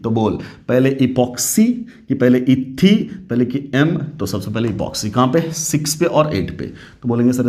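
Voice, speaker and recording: A man teaching an online chemistry class, quizzing his students and answering his own questions, keeping his voice low because it is late at night. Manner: quizzing students with call-and-response; speaking softly late at night.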